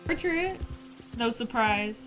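A woman's voice: a little high, lively intonation, slow pace, fairly bright tone, rough recording. Chatty woman streamer over game music. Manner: chatty, reads chat aloud, swears casually. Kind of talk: casual gameplay chat.

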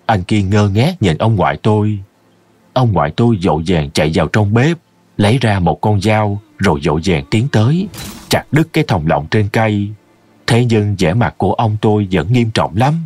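Man, horror story narrator, slow ominous storytelling, animated pitch, dry close sound. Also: slightly rough, dry recording.

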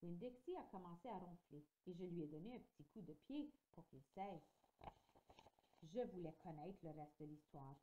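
Woman reading a children's novel, lively. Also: fairly low pitch, moderate pace, lo-fi sound, slight background noise. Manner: expressive, lively storytelling. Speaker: audiobook reader. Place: home.

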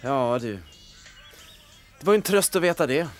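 An actor as a wry radio host. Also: male voice, on the high side, lively intonation, faint music behind, natural voice. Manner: dry, wry, awkward. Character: new radio host in town, wry, mild. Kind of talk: film drama acting.

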